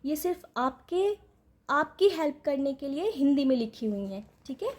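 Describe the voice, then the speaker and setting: A woman with a high, light voice explains alphabet sounds like a patient teacher. She stretches out each sound and repeats it. She keeps checking that the listener is following. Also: sing-song, darkish tone. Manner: patient, checks in with "ठीक है?" after each point; repeats and draws out each letter sound slowly. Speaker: parent teaching phonics. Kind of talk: instructional explainer.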